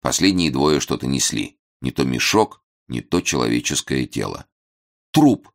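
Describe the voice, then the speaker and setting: A man narrating a novel as an audiobook, reading in an even, measured way. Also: rumbling low, vocal fry.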